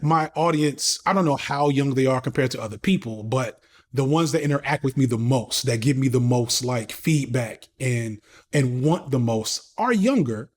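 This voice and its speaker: An animated man in his thirties speaks at a moderate pace in a medium-pitched voice. As a podcast guest in a casual interview, he's frank, slangy and profane, with frequent restarts.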